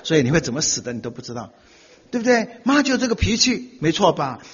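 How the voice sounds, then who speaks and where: A man's voice: fairly high pitch, sing-song, fast, a little hiss or hum. A middle-aged man giving a humorous talk to an audience, telling stories animatedly, acting out quoted voices and laughing often. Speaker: speaker giving a talk on marriage. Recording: dull lo-fi sound with long hall reverb.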